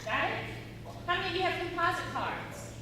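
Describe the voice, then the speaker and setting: High-voiced woman teaching an acting class. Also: a little fast. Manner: lively, asks the class many questions. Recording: echoey room, far from the mic, noisy.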